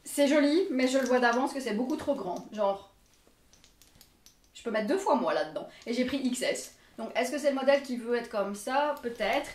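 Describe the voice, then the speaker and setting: A woman's voice: a little high, animated, normal speed. A young woman with a Belgian French accent chatting casually and self-mockingly through a clothing try-on, laughing often. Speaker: fashion vlogger. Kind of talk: casual try-on haul chat. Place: bedroom with mirror. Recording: echoey room, mic at a distance.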